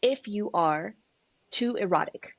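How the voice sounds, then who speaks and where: Slow and expressive, this medium-pitched woman from Peru has vocal fry and talks frankly and passionately, swearing included, as a sex and relationship coach guesting on a podcast interview. The recording is rough, with a little hiss or hum.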